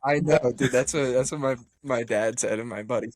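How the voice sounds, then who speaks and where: A man on a running team's podcast telling a story in a casual, animated way, laughing often, swearing freely and acting out what people said. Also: mid-range voice, fairly quick, no room sound, clean studio sound.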